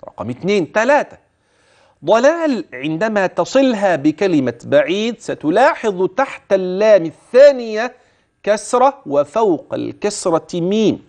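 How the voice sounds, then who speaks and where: A man with an Egyptian accent teaching tajweed, slowly drawing out words to demonstrate pronunciation between explanations and asking the listener questions. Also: high voice, big pitch swings, a little mellow. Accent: Egyptian Arabic. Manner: asks the listener questions and answers himself. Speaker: Quran recitation teacher. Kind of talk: tajweed lesson on a religious TV channel.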